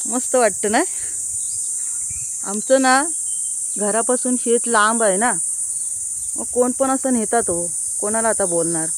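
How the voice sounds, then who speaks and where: A woman's voice: a little high, measured pace, long pauses. A woman from Konkan, chatting casually as she shows viewers around her farm. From Konkan, India. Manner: chatty, keeps pointing things out to viewers. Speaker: village vlogger. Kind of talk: casual walking farm tour. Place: outdoors in an orchard. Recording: faint outdoor noise from insects. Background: insects chirping.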